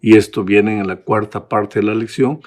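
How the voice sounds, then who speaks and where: A man's voice: on the low side, steady tone, normal speed, darkish tone. A man giving a Bible lesson as a pastor, preaching with passion and rising to emphatic peaks. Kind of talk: sermon-style Bible lesson. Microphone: close mic, recorded for a lesson.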